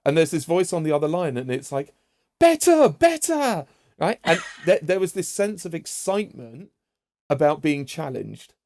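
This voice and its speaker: Male guest telling stories, lively and halting, recorded dry. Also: on the high side, no room sound. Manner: animated anecdotes with many restarts. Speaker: former aide, podcast guest. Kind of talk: storytelling in a podcast conversation.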